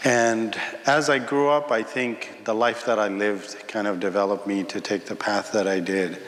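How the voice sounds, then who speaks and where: A man's voice: lowish voice, steady tone, normal speed, fairly bright tone. A young man from Afghanistan speaking as a panel guest, earnest and reflective, with filler ums. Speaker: panel guest, former prayer leader. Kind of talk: personal testimony on a panel. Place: conference hall. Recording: long hall reverb.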